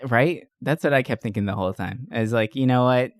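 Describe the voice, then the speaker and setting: Talking fairly quickly at a medium pitch, this podcast host chats about films in a loose, rambling way, swearing freely. The recording is clean studio audio without any room sound.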